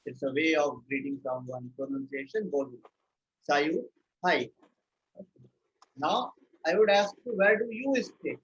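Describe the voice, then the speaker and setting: A young man with an Indian English accent teaching a live language lesson, patiently repeating words and checking in with "right?" and "okay". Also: fairly high pitch. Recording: dull lo-fi stream audio with faint noise.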